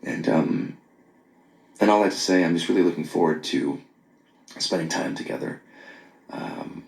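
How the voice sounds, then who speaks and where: Guy leaving a voice memo on his phone late at night, super creaky deep voice, lots of pauses and restarts. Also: echoey room, rough recording. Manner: halting, many pauses and restarts; earnest, apologetic. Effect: voice message recorded on a phone. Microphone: phone held close.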